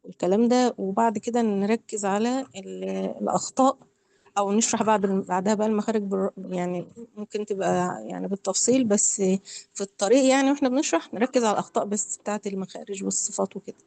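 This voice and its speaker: A woman's voice: medium pitch, steady tone, fast talker, vocal fry, dark tone, no echo. A woman with an Egyptian Arabic accent, a trainee teacher who thinks aloud as she checks her understanding of the lesson.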